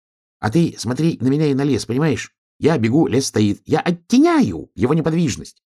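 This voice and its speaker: A man's voice: medium pitch, moderate pace, pitched above the performer's own voice. A man voicing an eager little hedgehog. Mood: insistent, excited. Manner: excitable, insistent, explaining. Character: small eager bossy male hedgehog.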